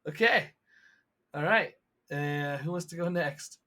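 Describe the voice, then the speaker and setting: A man's voice: a little high, slow pace, sharp tone. Loose, rambling man as game master. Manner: loose, stop-start scene describing with fillers. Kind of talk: narrating a tabletop game.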